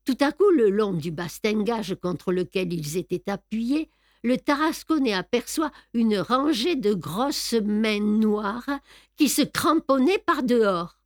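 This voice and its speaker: A woman narrating an audiobook in a measured, expressive storytelling manner. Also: on the high side, no room sound, studio quality.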